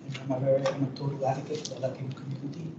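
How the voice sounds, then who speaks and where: A man's voice: mid-range voice, level tone, very fast. A commissioner from Costa Rica introducing himself at a public meeting, earnest in his advocacy. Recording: echoey room, distant mic, dull, noisy.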